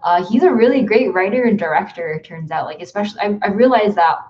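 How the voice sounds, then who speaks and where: Speaking fast in a medium-pitched voice, a young woman from the United States rambles casually while hosting a YouTube livestream from her bedroom, with lots of ums and likes. The recording is muffled.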